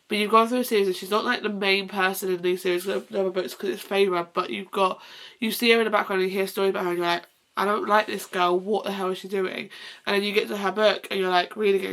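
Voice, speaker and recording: A young woman talks casually about favourite books with a blocked-up, nasal sound. Her voice has a gravelly, creaky edge. She rambles and corrects herself, gushing as she goes. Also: medium pitch, a bit bright. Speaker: book vlogger. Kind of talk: casual chat.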